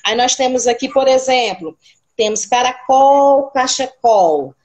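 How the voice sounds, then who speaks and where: A woman from Brazil, a teacher, explaining classroom activities in a didactic way, sounding out words slowly and asking rhetorical questions. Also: high voice, a little mellow.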